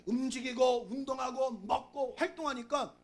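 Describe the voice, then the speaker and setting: A man's voice: very high-pitched, fairly even intonation, normal speed. A male pastor preaching a sermon, urging his congregation with emphatic repetition and stories. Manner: emphatic, repetitive exhortation with storytelling.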